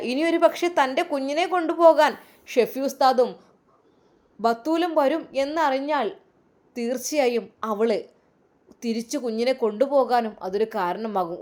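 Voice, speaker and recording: A woman storyteller with a Malappuram Malayalam accent, her voice fairly high. She narrates a moral tale in an emphatic, emotive manner. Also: darkish tone.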